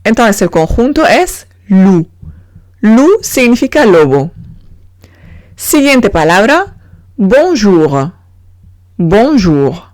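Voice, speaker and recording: A woman's voice: mid-range voice, no echo, clean studio sound. A woman giving a beginner pronunciation lesson, patiently spelling out letters and sounds. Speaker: French teacher.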